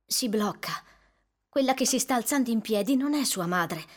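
A woman reads a suspenseful novel aloud, measured and dramatic, building tension line by line. Her voice sits a touch higher than most women's. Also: lively intonation. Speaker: audiobook narrator. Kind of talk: dramatic audiobook narration.

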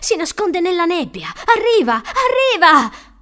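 A woman reading an audiobook, voicing a frightened little boy who cries and shouts in panic. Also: animated, a little slow. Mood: panicked. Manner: shrill, frantic shouting. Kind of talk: audiobook character voice.

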